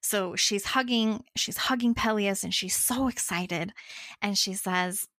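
Woman storyteller, chatty and animated, dry close mic. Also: mid-range voice, measured pace, no echo. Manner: chatty, animated, laughing asides. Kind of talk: casual myth retelling.

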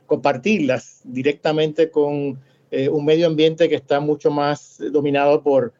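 Man, Cuban–Puerto Rican accent, dark voice, slightly raised pitch, hesitant academic panelist, dull lo-fi sound. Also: level tone, a little slow. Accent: mix of Puerto Rican and Cuban Spanish. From Cuba. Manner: hesitant, many filler sounds. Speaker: scholar on a panel. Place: lives in Miami.

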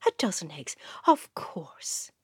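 A woman voicing a farm mother in a folk tale, in a high, sing-song motherly tone. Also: very animated, slow pace, slightly rough, dry recording, in a whisper, clean studio sound, exaggerated voice. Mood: sweet.

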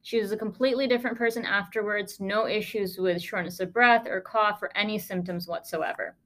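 A woman's voice: mid-range voice, steady tone, brisk, a bit bright. Woman telling a wry medical story. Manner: wry, sarcastic asides, emphatic. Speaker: podcast host, pulmonologist.

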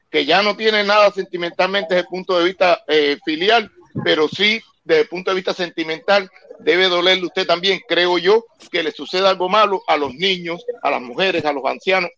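An earnest, high-pitched man who speaks formally and lectures a little. His voice is bright and tense, coming through dull, low-fidelity call audio. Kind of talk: earnest opinion during a live debate.

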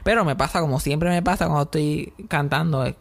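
A young man with a Puerto Rican accent, hosting a podcast and telling comedic stories in a casual, animated way, mixing in English words. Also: a little high, fairly quick, gravelly. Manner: animated, mixes in English words, acts out scenes. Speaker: podcast host.

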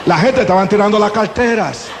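A man's voice: sits high, a little fast, crowd noise, noisy background. A man preaching a testimony sermon to a congregation, telling his story dramatically and acting out scenes. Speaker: evangelist giving testimony. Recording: echoey hall with faint ambience.

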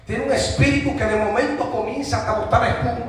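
A man with a Dominican accent preaching a sermon, telling stories with colloquial asides and building to shouts. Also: very high voice, fairly even intonation, brisk. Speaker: pastor. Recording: very echoey church hall, from far off.

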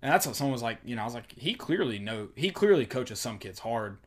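A man's voice: medium pitch, sing-song, quick pace. A man in casual sports chat, blunt and mocking, often imitating coaches. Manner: blunt, mocking, quotes coaches in put-on voices.

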